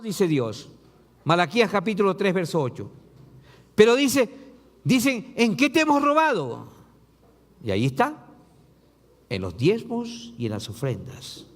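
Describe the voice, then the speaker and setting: Reading from scripture during his sermon, this pastor poses rhetorical questions to the congregation with rising stress and deep dips. The recording has the sound of a big room.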